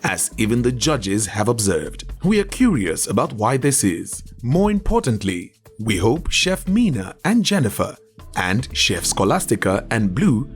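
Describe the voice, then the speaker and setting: A man delivers scripted narration with lots of pitch movement and a measured, dramatic rise and fall. Music plays clearly beneath his voice. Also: big pitch swings. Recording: voice-over with music bed.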